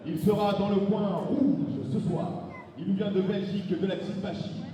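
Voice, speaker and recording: A man working as a ring announcer at a fight gala, booming and theatrical, stretching out names with showman's flair. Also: fairly even intonation, moderate pace, dark tone. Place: large indoor fight venue. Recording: echoey hall PA, distant, long reverb.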